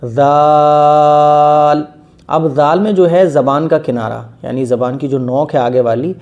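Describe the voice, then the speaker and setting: Man teaching long drawn-out letters. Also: medium pitch, dark tone, muffled recording. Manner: drawn-out letter sounds in one breath. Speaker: Quran reading teacher. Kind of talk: patient spoken lesson.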